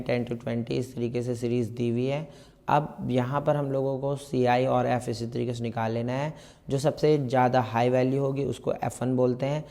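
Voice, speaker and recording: A man's voice: medium pitch, warm tone. A man teaching a step-by-step math lesson, mixing in terms and asking and answering his own questions. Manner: explains slowly, repeats steps, asks and answers own questions.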